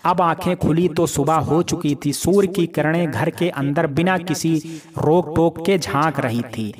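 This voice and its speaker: A man's voice: a little high, measured pace, crowd noise. Man narrating a family drama. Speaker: storyteller.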